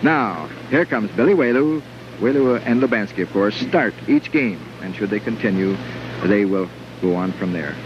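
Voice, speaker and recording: A man calling live bowling play-by-play, excitedly repeating phrases as the action peaks, on an old television broadcast. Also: fairly low pitch, moderate pace. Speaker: bowling commentator. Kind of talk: live sports play-by-play commentary. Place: bowling alley. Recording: noisy dull vintage 1950s TV broadcast.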